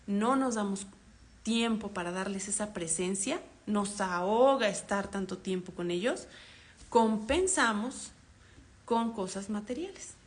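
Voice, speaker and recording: A woman's voice: mid-range voice, darkish tone. Mexican woman psychologist explaining to parents. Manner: explanatory, acts out example dialogues. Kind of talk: online parenting workshop talk.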